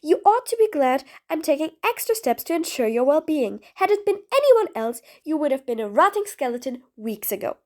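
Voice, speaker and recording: A woman's voice: sits high, big pitch swings, brisk, hardly any pauses. A woman voicing a sarcastic, exasperated female supervillain in an audio role-play drama, taunting her prisoner with bossy nicknames. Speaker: voice actress.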